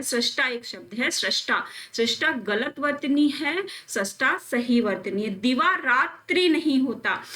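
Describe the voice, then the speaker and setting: A young woman teacher, drilling exam spellings by repeating each word slowly. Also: on the high side, sharp tone. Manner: calls students friends and children, coaxing. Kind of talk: exam-prep spelling lesson.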